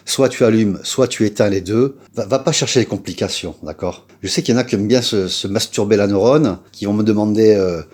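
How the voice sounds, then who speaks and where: A man's voice: fairly low pitch, brisk, few pauses, a little mellow. A man from France giving a casual how-to tutorial, chatty, blunt and slangy, talking straight to the viewer with lots of filler tags. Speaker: scooter repair vlogger.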